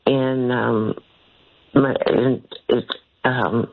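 A woman from St. Louis calls in over a tinny phone line. She talks in a flat, even tone, halting and rambling, and trails off mid-sentence. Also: rumbling low. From St. Louis, Missouri. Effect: heard over a phone line. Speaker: caller. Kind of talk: call-in radio talk.

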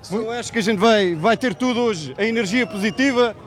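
A man from Alentejo with a Portuguese accent, a fan speaking loudly and excitedly in an outdoor street interview. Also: high voice, brisk. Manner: loud, excited, repeats himself. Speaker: football fan. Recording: crowd and music behind.

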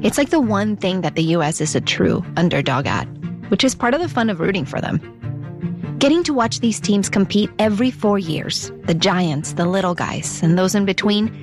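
A woman hosting and narrating a scripted piece in a conversational way, with personal asides. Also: mid-range voice. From United States. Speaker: host and narrator. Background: music bed.

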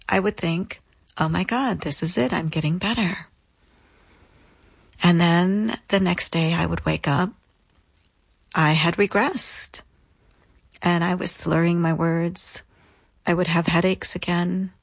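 This interview guest is a woman sharing her personal story in a slightly low, gravelly voice with a breathy edge. Her manner is thoughtful and measured, repeating things for emphasis, and the audio is close and dry with no room sound.

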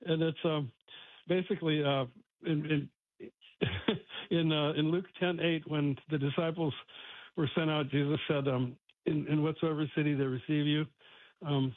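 Over a tinny phone line, a man in his seventies calls in to a radio show for some casual chat. His voice sits on the high side and his tone stays steady at a moderate pace, with no echo. He's friendly and chuckling, with hesitant fillers.

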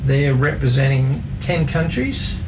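A man, talking football facts in a casual radio chat, slow and hesitant with many fillers. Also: medium pitch, animated, noisy background. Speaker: football pundit.

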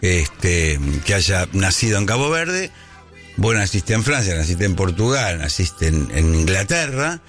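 A man's voice: low-pitched, very animated, unhurried, fairly bright tone, faint music behind. A man with an Argentine accent hosting a casual sports radio chat, telling stories and acting out the dialogue. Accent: Argentine Spanish. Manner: storytelling, acts out dialogue in quotes. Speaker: radio host.

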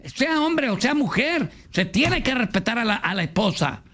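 A man's voice: very high voice, very animated, normal speed, fairly bright tone. A man with a Mexican accent hosting a comedy radio show, joking and reading listener messages aloud. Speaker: radio host. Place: radio studio.

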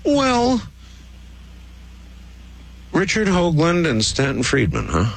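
A man hosting a call-in radio show in a smooth radio host manner, easygoing and chatty. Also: on the high side, huge pitch swings, a little hiss or hum. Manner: easygoing, chatty, quick to laugh.

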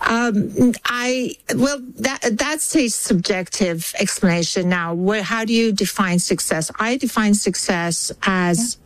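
A woman's voice: medium pitch, slow, hardly any pauses, rough recording. An older woman from Iran, a guest analyst answering interview questions in a thoughtful, hesitant way, often restarting her phrases.

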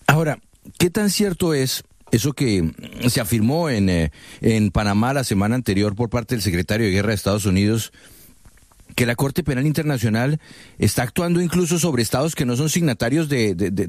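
A male interviewer asking long, winding questions that stall on repeated words. His voice is mid-pitched and recorded dry, with no room sound. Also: dry recording.

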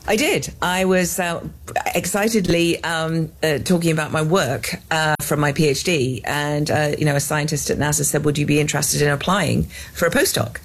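An English woman in her fifties, a scientist, is a guest in an interview conversation. She talks earnestly at normal speed in a low, steady voice, with many restarts and fillers.

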